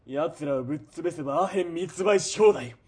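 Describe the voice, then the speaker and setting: Slightly high and a little rough, this man's voice moves at a moderate pace as he voices a greedy, merciless military police commander in a period radio play. The mood is manic and menacing, and he sneers and dominates, alternating between icy murmurs and yelling.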